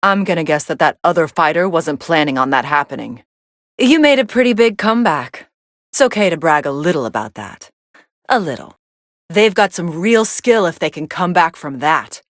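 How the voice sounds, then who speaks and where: Android 18, dry and unimpressed. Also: female voice, low-pitched, big pitch swings, moderate pace, no echo. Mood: dry, mildly impressed. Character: cool, sardonic young female android fighter commentating matches. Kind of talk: English anime game voice acting, match commentary.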